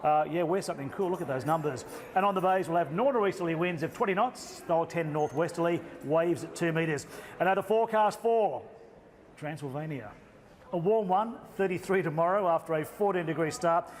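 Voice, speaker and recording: A man's voice: a little high, normal speed, slight background noise. A man with an Australian accent presenting a TV weather forecast from an outdoor location, in a playful, jokey way.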